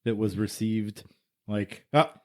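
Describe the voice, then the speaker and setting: A man's voice: lowish voice, takes it slowly, darkish tone, smooth. A man from the United States co-hosting a podcast in casual chat, joking and asking long, rambling questions. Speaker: podcast co-host.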